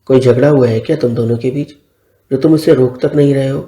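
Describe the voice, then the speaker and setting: A man's voice: medium pitch, fairly even intonation, brisk, dark tone, lightly acted. A man voicing an emotional young woman, an elder sister about to marry, talking in a hurt, pleading and scolding way. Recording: roomy echo.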